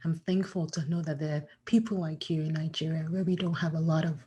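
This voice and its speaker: A woman's voice: deep voice, fairly even intonation, fast, husky, lo-fi sound. A woman hosting an interview, speaking effusively while crying. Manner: warm, effusive, tearful. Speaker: podcast host. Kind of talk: casual interview.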